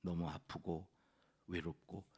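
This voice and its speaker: A male pastor giving an early-morning sermon in a church, lively and acting out what others say. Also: deep voice, slow pace, husky. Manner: lively, acts out quoted speakers. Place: church sanctuary.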